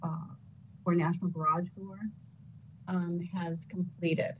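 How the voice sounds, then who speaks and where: A woman's voice: fairly low pitch, little pitch movement, slow pace. A woman project manager giving a hesitant status report in a meeting, her connection cutting in and out. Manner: hesitant, with many fillers. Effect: bad connection, audio cutting in and out. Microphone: computer mic on a video call. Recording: tinny call audio with faint noise.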